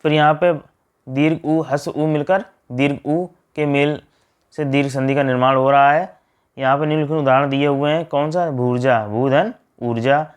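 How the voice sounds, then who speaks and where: A man teaching a grammar lesson, reading out word pairs and splitting each one in a steady drill. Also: on the high side, normal speed, clean tone.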